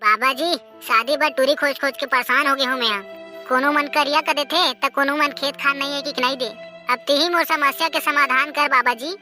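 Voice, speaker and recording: An earnest young bachelor, voiced by a woman, pleads in a high, comic voice with a Chhattisgarhi accent. Loud music plays under the cartoon dialogue throughout. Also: fairly even intonation, moderate pace. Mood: pleading. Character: young man desperate to marry, earnest. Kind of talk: cartoon voice acting. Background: background music.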